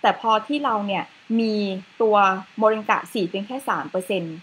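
A woman's voice: medium pitch, a little fast, slightly rough, poor audio. A woman presenting a facial cleanser in a chatty, casual way with slides, adding polite particles to most phrases.

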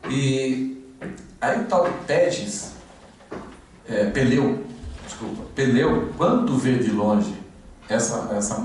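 Pastor telling stories in a sermon, lots of um and restarts, far from the mic, very echoey church hall. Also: male voice, medium pitch. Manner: conversational storytelling with many fillers and restarts. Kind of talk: expository sermon. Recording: echoey room, distant mic, faint noise.

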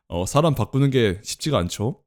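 들뜬 말투의 남자 게임 스트리머. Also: male voice, mid-range voice, a little hiss or hum. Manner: excitable, chatty, exclaims often. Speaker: game streamer. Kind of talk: let's play commentary.

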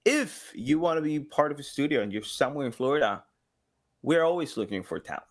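This man in his thirties, a sound designer and community engagement director at a game studio, is a casual podcast guest who halts while searching for words and tosses in animated quoted asides. His voice runs a little high, picked up by a boom-arm mic in a small home studio room.

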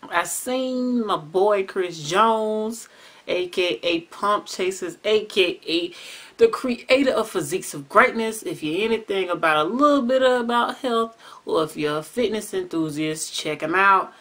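A woman from the US South with a Southern accent, chatting casually and slangily in a taste-test vlog and growing excited as she reacts. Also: medium pitch, a little slow. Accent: Southern American. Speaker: vlogger.

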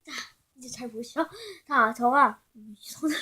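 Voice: medium pitch, measured pace, sharp tone, slightly rough. A casual mukbang host with a child-like voice, chatting while opening and crunching chips. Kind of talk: casual snack-tasting mukbang vlog.

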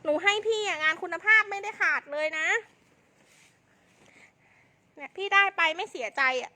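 Female live seller. Piercingly high and sharp, fast hype delivery with insistent, repeated sales lines. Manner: insistent, repetitive sales patter. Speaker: live-stream clothing seller.

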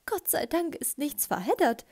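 A woman's voice: sits high, sing-song, normal speed, a little mellow, voice pushed up. Woman doing a flustered, fussy old lady. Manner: stammering, fussy.

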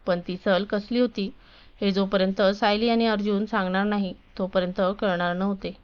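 A woman narrating a family story in a gentle, steady reading voice. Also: mid-range voice, moderate pace, clean tone. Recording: dull lo-fi recording.

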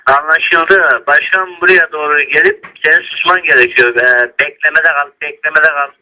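A man speaking haltingly in short, repeated radio-style phrases over a thin two-way radio or phone line. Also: a little high, sharp tone.

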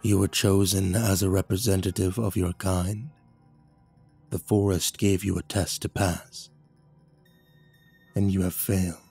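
A man voicing a huge talking brown bear that judges without mercy, speaking slowly in a low rumbling voice. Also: flat delivery, creaky, dark tone, husky, soft background music, heavily acted. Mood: stern. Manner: slow, grave, merciless. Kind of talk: horror story narration.

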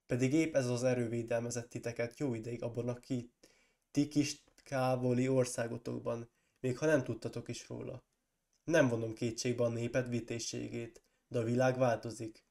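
A man with a cold, reading aloud and voicing a proud, forceful warrior lord who keeps pressing his case and breaks into loud accusations. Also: medium pitch, level tone, gravelly, natural voice. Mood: urging. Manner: insistent, rising to loud accusing outbursts. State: hoarse from a cold.

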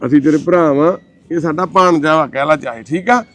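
A man speaking as a social worker, comforting a family and addressing his viewers with reassuring, fatherly words. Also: on the high side. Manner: warm, reassuring, calls others son and sister; recites prayer in a slow chanting voice. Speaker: social worker hosting the channel. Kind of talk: comforting talk and appeal to viewers.

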